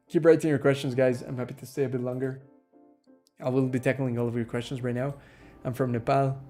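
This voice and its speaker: A man from Ecuador hosts a relaxed live stream Q&A, chatting easily with viewers and filling pauses with ums and uhs. His voice sits at an everyday middle pitch. Soft music plays faintly behind him. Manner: chatty, reads out viewer questions, many fillers. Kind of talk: casual live Q&A.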